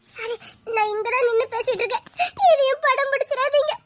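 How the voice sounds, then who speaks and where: A woman's voice: very high-pitched, moderate pace, a bit bright. A woman playing a heartbroken young female student who speaks with a Tirunelveli Tamil accent and keeps reproaching a lover through sobs. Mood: tearful reproach. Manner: sobbing, accusing and reproachful. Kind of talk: Tamil melodrama acting.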